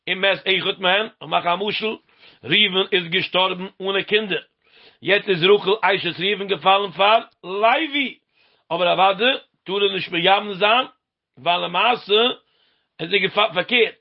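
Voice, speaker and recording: A man's voice: high voice, unhurried. A man, explaining a Talmud passage in a sing-song lecture. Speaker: Talmud teacher. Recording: lo-fi dull recording.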